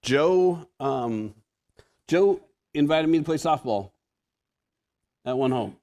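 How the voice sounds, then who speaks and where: A slightly high, darkish voice belongs to a man in his fifties preaching as a guest in a church sanctuary. With a Pacific Northwest American accent, he speaks expressively and slowly in a conversational sermon. He is self-deprecating and frequently restarts what he's saying.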